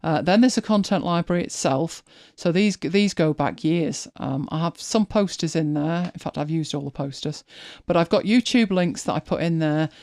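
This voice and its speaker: This host's voice is low-pitched and a little mellow, moving at a moderate pace with few pauses; the sound is clean studio quality with no echo. She chats casually on a live stream while showing viewers her screen, thinking aloud as she goes and often starting sentences over.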